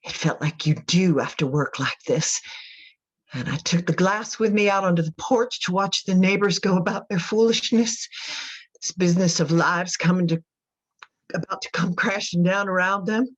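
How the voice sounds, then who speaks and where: A woman voices a haunted Southern mother confessing in a radio drama monologue, her delivery folksy, deliberate, and intense. The mood is haunted and grim, her pitch fairly low and slightly rough, with dull audio.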